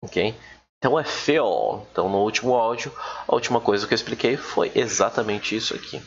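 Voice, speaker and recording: Relaxed man teaching in a lo-fi recording. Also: fairly low pitch. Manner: relaxed, chatty, drawls English examples slowly. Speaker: English teacher. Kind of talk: casual recorded lesson. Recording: dull, lo-fi with faint noise.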